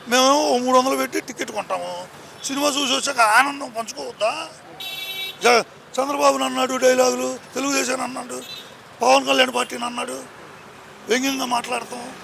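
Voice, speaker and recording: A man's voice: extremely high pitch, creaky, bright, forceful tone, a little hiss or hum. A man giving a heated political opinion to a reporter on a city street. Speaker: member of the public. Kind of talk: street interview answer.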